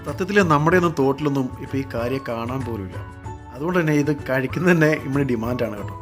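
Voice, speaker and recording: Brisk Kerala man narrating over soft music. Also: medium pitch, lively intonation. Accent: Kerala Malayalam. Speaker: food vlog narrator. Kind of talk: conversational food narration.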